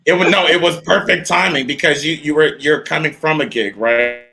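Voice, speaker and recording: A man's voice: on the high side, moderate pace, gravelly, bright, forceful tone. A man hosting a casual live-stream interview, hyped and repetitive, calling out to viewers as y'all. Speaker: host.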